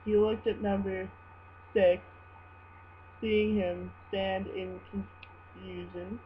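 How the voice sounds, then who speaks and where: A woman giving an amateur dramatic reading of fan fiction, halting and prone to stumbles. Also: medium pitch, level tone, a little hiss or hum. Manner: halting, stumbles over words and breaks into giggles. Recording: muffled, humming home recording.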